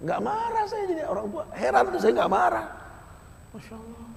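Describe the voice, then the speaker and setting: A man with a Betawi Jakarta accent preaching a storytelling sermon, dropping to soft hushed passages and rising to loud urging. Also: very high-pitched, very animated, fairly quick, gravelly, a crowd in the background. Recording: echoey hall reverb.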